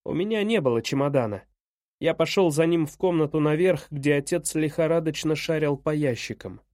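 A man narrating a first-person audiobook in a measured, even way. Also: a little high, no echo, clean studio sound.

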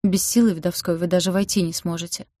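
A woman's voice: fairly low pitch, fairly even intonation, fast, warm tone, no echo, studio quality, natural voice. A woman voicing a sick young man who talks weakly, with sneering, hissing mockery. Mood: mocking.

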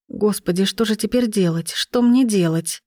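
A woman's voice: medium pitch, normal speed, dark tone, dry recording, clean studio sound, close to an everyday voice. Woman voicing a terrified, pleading young woman. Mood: panicked. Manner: pleading, panicked.

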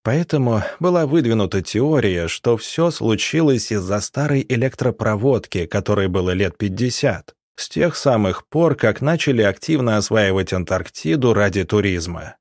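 Low-voiced man narrating a story. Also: normal speed, few pauses, no room sound, studio quality. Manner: steady storytelling. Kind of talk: audiobook narration.

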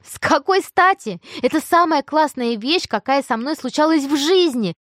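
A woman voicing an excitable teenage girl who gushes breathlessly. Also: mid-range voice, normal speed, dry recording, studio quality, natural voice. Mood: ecstatic gushing. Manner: squealing, breathless gush.

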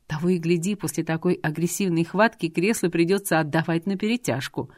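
A woman reading a novel aloud in steady, scripted narration. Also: lowish voice, a little fast, dry recording, clean studio sound. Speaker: audiobook reader.

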